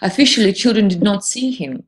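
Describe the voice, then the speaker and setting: A woman's voice: medium pitch, expressive, fairly quick. A woman, answering interview questions hesitantly and searching for words. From Russia.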